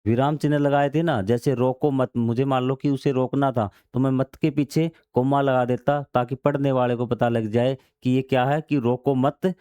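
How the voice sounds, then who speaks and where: Speaking with fairly even intonation and few pauses, a man teaches maths at a moderate pace in a dark, clear, resonant medium-pitched voice with no echo. He reads passages from a textbook, explains them plainly, and asks and answers his own questions while repeating key steps.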